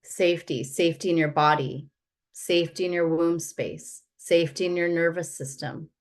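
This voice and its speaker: A woman's voice: fairly low pitch, fairly even intonation, moderate pace. A woman hosting a women's sharing circle, affirming each speaker and using spiritual language. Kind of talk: group facilitation.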